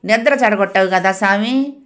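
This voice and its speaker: A woman voicing a grumbling eighty-year-old village woman who talks loudly and drags out her complaints. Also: medium pitch, lightly acted. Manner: loud, complaining, drawn-out.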